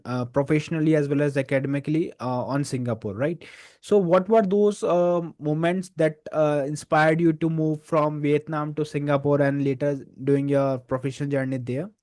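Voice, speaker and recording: A man's voice: a little high, a little mellow, dry recording. A man hosting a podcast, introducing his guest in a formal way and using many fillers. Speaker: podcast host. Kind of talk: interview hosting.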